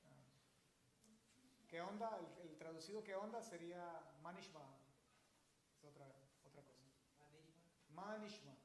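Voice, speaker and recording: A man's voice: fairly high pitch, normal speed, long pauses, roomy sound, slight background noise. A man preaching a sermon as pastor, emphatic and explaining Hebrew words to his congregation. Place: church sanctuary.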